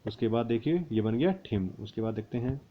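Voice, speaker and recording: A man teaching a language lesson, slowly spelling out syllables and then repeating each whole word. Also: medium pitch, highs cut off, slight background noise. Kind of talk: spoken grammar lesson.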